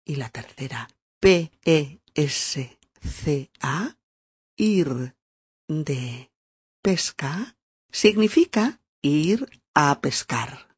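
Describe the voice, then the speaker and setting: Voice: mid-range voice, slightly rough, no room sound, studio quality. A teacher, giving a podcast language lesson, spelling words out letter by letter and laughing often. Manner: acts out example phrases with lively shifts in tone. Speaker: Spanish teacher.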